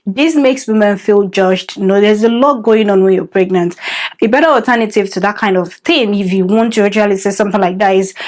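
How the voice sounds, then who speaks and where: Woman, vlogger, emphatic, expressive, playful scolding. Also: medium pitch, brisk. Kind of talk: direct-to-camera advice vlog.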